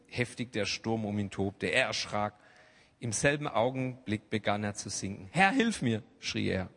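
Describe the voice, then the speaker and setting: Man preaching with big swings in volume. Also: mid-range voice. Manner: swings between hushed asides and loud emphatic outbursts. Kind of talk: sermon. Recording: long hall reverb.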